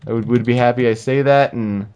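A man co-hosting a casual sports talk show, making relaxed, talkative predictions about college football. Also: mid-range voice, moderate pace, smooth, muffled recording. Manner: relaxed, talkative, spells out names. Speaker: sports podcast co-host.

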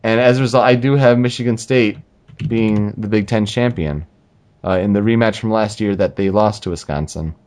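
A man co-hosting a casual sports talk show, making relaxed, talkative predictions about college football. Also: lowish voice, normal speed. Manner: relaxed, talkative, spells out names. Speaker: sports podcast co-host.

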